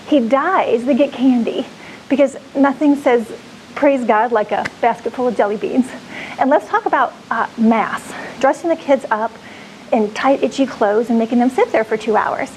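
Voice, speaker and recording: A woman's voice: on the high side, darkish tone, slight background noise, close to an everyday voice, poor audio. A woman playing a sarcastic, comic mother of young kids.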